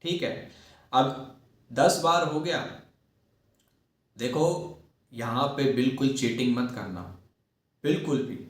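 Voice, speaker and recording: A man gives an acting lesson in a slow, deliberate voice, repeating his key words for emphasis. His voice rings with heavy room echo. He sounds set back from the microphone. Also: mid-range voice. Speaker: acting teacher. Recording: echoey room, far from mic.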